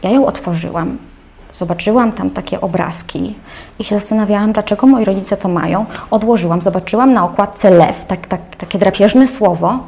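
A woman's voice: mid-range voice, normal speed, gravelly, darkish tone. A woman hosting a radio interview, asking curious, probing questions. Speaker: radio host.

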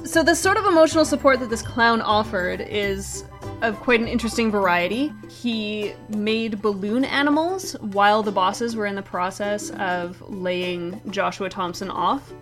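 Woman host, deadpan and brisk, light music bed underneath. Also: medium pitch. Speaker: comedy show host. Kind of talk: scripted comedy news segment.

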